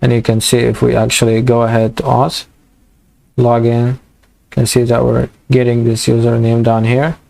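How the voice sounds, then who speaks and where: A young man walking through a coding tutorial in a halting way, full of fillers and restarts, as his voice gives out. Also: medium pitch, completely flat delivery, gravelly, darkish tone. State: losing his voice. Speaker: programming tutor. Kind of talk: screen-recorded coding tutorial.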